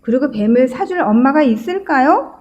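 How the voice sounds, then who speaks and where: A woman's voice: sits high, animated, normal speed, a little mellow, highs cut off. A woman pastor giving a sermon, telling stories conversationally with frequent filler sounds.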